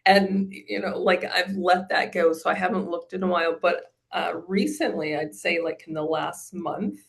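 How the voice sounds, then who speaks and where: A woman's voice: on the low side, moderate pace, creaky. A woman in her forties giving a testimonial in a casual interview, rambling with many fillers and restarts. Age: 40s. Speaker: program client giving a testimonial.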